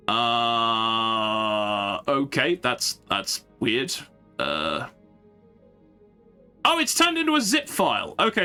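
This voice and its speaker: Lively, bright-voiced man streaming a game. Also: on the high side. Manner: rambling and chatty, thinking aloud to viewers. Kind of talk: casual live-stream chat.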